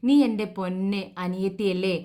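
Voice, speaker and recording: A gentle young woman, a devoted older sister in a homespun serial retelling, read by a woman narrator. She speaks softly and tenderly, comforting and reassuring. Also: medium pitch, flat delivery, normal speed, natural voice.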